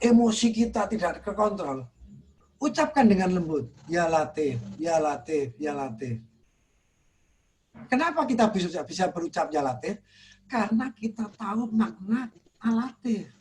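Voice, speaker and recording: An Indonesian man teaching in a religious study talk, earnest, softly repeating phrases for emphasis. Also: high-pitched, animated, normal speed, slight background noise. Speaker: Islamic teacher.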